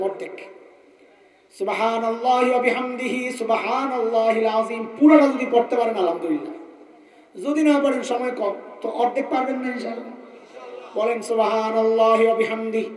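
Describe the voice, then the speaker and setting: Animated Bangladeshi preacher, very high voice, chants verses, picked up from a distance. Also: male voice. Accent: Bangladeshi Bengali, colloquial. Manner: animated, chanting Arabic verses in a drawn-out sing-song; asks the crowd questions and jokes with them. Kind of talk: Islamic sermon. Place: mosque or large gathering. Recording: echoey, distant mic with faint noise.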